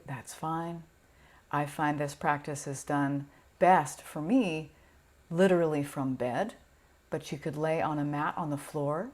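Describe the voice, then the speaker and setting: Her voice sits low as she teaches yoga nidra, easing listeners through a relaxation meditation. She is gentle and soothing, never rushing, and pauses often.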